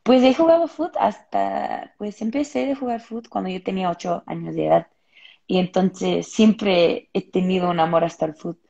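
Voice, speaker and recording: A woman's voice: lowish voice, moderate pace, creaky, dark tone. A young woman from Los Angeles, a footballer answering interview questions on a video call from a room at home, thoughtful, with many fillers and restarts. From Los Angeles, United States. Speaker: footballer guest. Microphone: earbuds on a video call. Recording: muffled video call audio.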